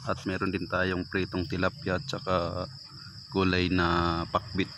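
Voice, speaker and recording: A man's voice: low-pitched, completely flat delivery, measured pace. A man with a Filipino accent chatting casually to viewers as a mukbang vlogger. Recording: clear background noise, chirping insects.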